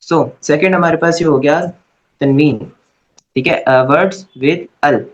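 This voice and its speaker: In an online Arabic grammar lecture, a man explains things patiently and keeps saying "okay" to make sure his students are following. His voice is a little high and slow, and the recording has its highs cut off.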